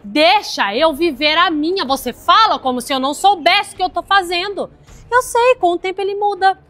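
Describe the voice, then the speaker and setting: A woman's voice: extremely high pitch, lively intonation, normal speed, a bit bright. A woman with a Brazilian accent playing a young daughter who pleads and defends her boyfriend. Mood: defiant.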